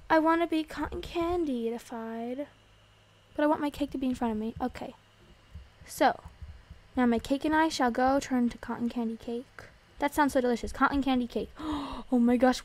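High-voiced, excitable woman playing a game. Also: normal speed. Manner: excitable, gasping and squealing at surprises. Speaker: gaming video host. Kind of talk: casual game commentary.

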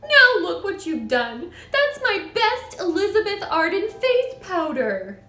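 Screechy hysterical mum, super high, scolding and mocking, storybook style, roomy sound. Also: female voice, sing-song, slow, bright, forceful tone, soft background music, heavily acted. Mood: scornful fury. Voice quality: shrill, screeching. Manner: scolding, exclamatory. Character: shrieking, scornful, hysterical middle-aged wife and mother.

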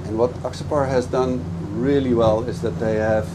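A man's voice: mid-range voice, steady tone, moderate pace. A middle-aged man, a boat dealer, gives an enthusiastic, explanatory walkthrough of a boat aboard a moving motorboat. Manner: enthusiastic, explanatory, speaks over engine noise. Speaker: boat dealer giving a product review. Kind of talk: casual product walkthrough. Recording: loud engine and wind noise. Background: boat engine and water noise.

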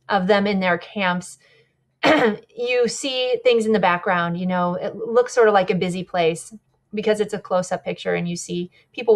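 Conversational woman guide giving a talk. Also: medium pitch. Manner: warm, conversational, with small slips and self-corrections. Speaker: polar expedition guide giving a presentation. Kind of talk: presentation lecture with slides.

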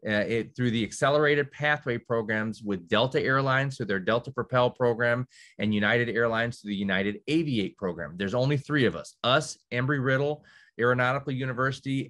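This man's voice is medium in pitch and a bit bright, heard through a video call microphone. Presenting virtually to counselors on behalf of a college, he keeps things conversational, with many fillers and restarts and now and then a dry, sarcastic aside.

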